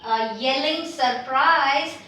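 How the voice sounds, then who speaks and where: A woman with a high, bright voice teaches a language lesson at an unhurried pace. She says each sound again and again so learners can follow. She is recorded from a distance in a strongly echoing room. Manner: patient, repeats sounds slowly for learners. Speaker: Hindi teacher. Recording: roomy echo, mic at a distance.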